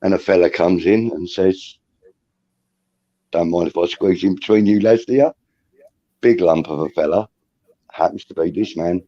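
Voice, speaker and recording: A man with a low, warm voice hosts a casual fan talk show, telling stories at a moderate pace with frequent pauses, lots of ums and uhs, and plenty of laughter. There's no echo, but the recording is dull and lo-fi.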